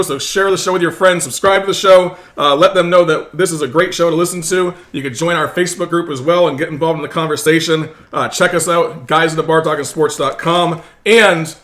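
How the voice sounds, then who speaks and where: A man's voice: fairly high pitch, fairly bright tone. A man hosting a casual sports podcast in an upbeat, promotional way. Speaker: podcast host.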